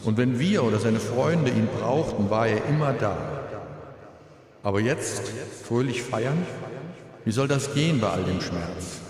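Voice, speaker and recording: A middle-aged man giving a funeral eulogy as a bereaved father, in a measured, solemn way with dry humour and deliberate pauses. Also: medium pitch. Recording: very echoey hall, long reverb.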